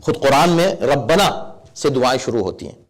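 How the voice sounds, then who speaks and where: A man's voice: medium pitch, animated. A man, an Islamic scholar, giving a sermon-style commentary on scripture, quoting verses and then explaining them, often asking rhetorical questions and rising to emphatic exhortation. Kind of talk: Urdu sermon lecture with Arabic recitation.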